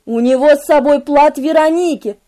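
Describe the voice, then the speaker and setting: Frenzied undead male servants, put on by a woman narrator, shout over one another. The voice sits high and sounds urgent and frantic. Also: normal speed, close to an everyday voice.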